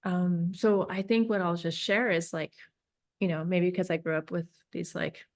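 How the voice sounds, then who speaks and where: A woman from Northern California, a peacemaker and facilitator, talking through her thoughts in an interview with many pauses and restarts. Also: lowish voice, steady tone, darkish tone. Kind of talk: reflective interview talk.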